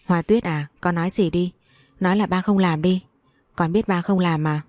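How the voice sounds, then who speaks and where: A woman's voice: on the low side, fairly even intonation, moderate pace, a little mellow, dry recording, natural voice. A woman voicing a harsh abusive father. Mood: pleading. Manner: insulting, accusing. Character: harsh abusive middle-aged father, bitter. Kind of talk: audiobook story reading.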